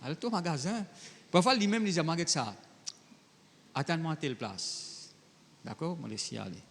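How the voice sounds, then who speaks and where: A man's voice: on the high side, animated, normal speed, gravelly. Man preaching in a reverberant hall. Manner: conversational preaching, mixing French with Creole phrasing; reads Bible verses then addresses the congregation directly. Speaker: pastor. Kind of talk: sermon.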